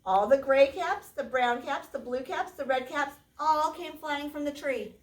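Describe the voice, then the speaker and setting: Woman, teacher, storybook read-aloud, animated, asks kids questions, high voice, distant, roomy classroom. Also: measured pace. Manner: animated, stops to quiz the kids. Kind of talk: reading a picture book aloud to children.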